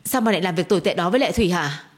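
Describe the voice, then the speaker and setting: A woman voicing an outraged young woman who shouts in quick, angry bursts, in a storybook reading. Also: fairly low pitch, animated. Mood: furious. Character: furious, loyal young woman friend.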